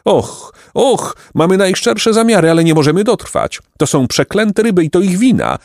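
A man's voice: fairly high pitch, very animated, moderate pace, a little mellow, no echo, clean studio sound, pitched above the performer's own voice. Man doing wailing greedy pelicans. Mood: lamenting. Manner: whining, theatrical lamenting.

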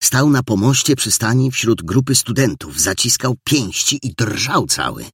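A man narrating an audiobook in an expressive, animated reading style. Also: mid-range voice, unhurried, husky, no room sound, clean studio sound.

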